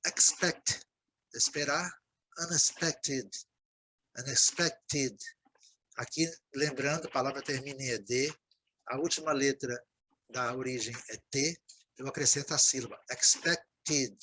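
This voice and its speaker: Slight background noise and poor audio surround a Brazilian English teacher whose mid-range, sharp voice moves a little slowly with frequent pauses. Speaking with a Brazilian Portuguese accent in a vocabulary video lesson, he explains, repeats words patiently, and checks in with students, saying "né, gente?" again and again.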